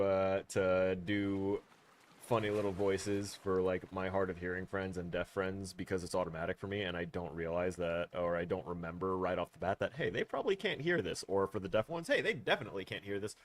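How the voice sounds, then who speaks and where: Blunt, low-voiced male game streamer. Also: fairly quick. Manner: blunt and firm, rambling with fillers. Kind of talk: casual livestream chat. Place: home room.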